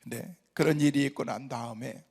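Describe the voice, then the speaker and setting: A man preaching a sermon as a pastor, telling his own story and building up to loud, emphatic exhortation. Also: medium pitch, steady tone, a little fast, creaky, husky, long reverb tail. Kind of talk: sermon with personal testimony. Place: prayer retreat hall.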